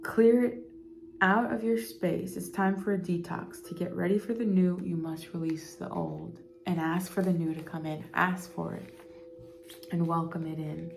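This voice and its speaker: A woman's voice: on the low side, steady tone, moderate pace, gravelly, slight background noise. A woman giving a casual spiritual card reading, meandering and repeating words as she goes. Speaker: intuitive card reader.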